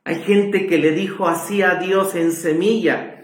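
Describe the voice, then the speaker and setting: Male pastor, slightly high voice, unhurried sermon delivery, roomy church echo. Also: steady tone. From Mexico. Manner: unhurried preaching, drawn-out scripture reading, frequent amens. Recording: echoey room sound.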